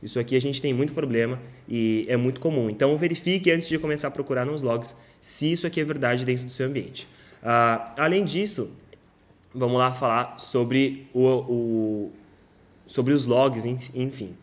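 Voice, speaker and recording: A man's voice: medium pitch, moderate pace. Casual man teaching tech. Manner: casual, many filler "ah"s and self-corrections. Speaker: instructor. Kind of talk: screen-share tech tutorial.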